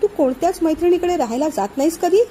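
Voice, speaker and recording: A woman reading a storybook voicing a caring young man who speaks gently and earnestly to reassure his love. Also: very high voice, expressive, quick pace, a little hiss or hum, low-quality recording. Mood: earnest, worried. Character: young man Vishant, caring, troubled lover.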